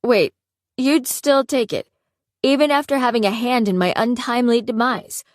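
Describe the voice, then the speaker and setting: A woman's voice: on the high side, moderate pace, dry recording, studio quality, pitched above the performer's own voice, lightly acted. A woman voicing an eager, geeky young woman with a crush, talking in a flustered way.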